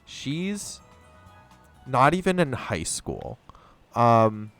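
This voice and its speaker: Young male streamer, unhurried rambling chat, smooth clear voice, faint music behind. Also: mid-range voice, lively intonation, a bit bright. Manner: rambling storyteller, swears freely. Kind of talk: casual chat while gaming.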